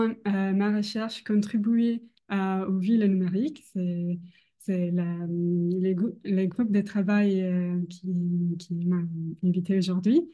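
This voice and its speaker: A young woman with a foreign accent, a non-native speaker, gives an academic presentation hesitantly, often pausing to search for words. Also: mid-range voice, mellow, muffled recording. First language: not French. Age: young adult. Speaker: doctoral researcher presenting.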